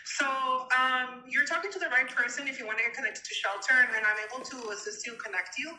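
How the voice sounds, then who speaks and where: A woman's voice: high voice, steady tone, fast talker, bright, forceful tone, a little hiss or hum. A woman heard over a phone on speakerphone, an outreach worker patiently giving plain step-by-step directions. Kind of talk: casual phone call. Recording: speakerphone audio, distant and roomy.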